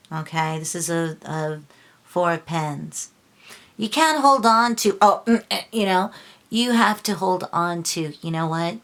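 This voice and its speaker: A woman talks slowly through a tarot reading in a low-pitched voice. She is earnest and a little preachy, circling back over her words and restarting sentences. She sounds emotional, close to tears. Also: fairly bright tone. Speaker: tarot reader. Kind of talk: casual tarot reading vlog.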